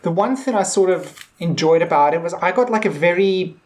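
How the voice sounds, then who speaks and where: In a casual talk about a TV episode, this podcast co-host speaks in a lowish, expressive, slightly mellow voice at a fairly quick clip. She meanders hesitantly, thinking aloud as she goes.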